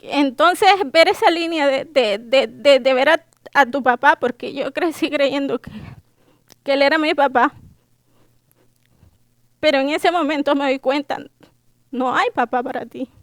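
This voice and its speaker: A woman's voice: sits high, measured pace, long pauses, dry recording, clean studio sound. A young Salvadoran woman with a Salvadoran Spanish accent, telling her life story with frequent hesitant fillers and restarts, emotional and holding back tears. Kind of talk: personal testimony.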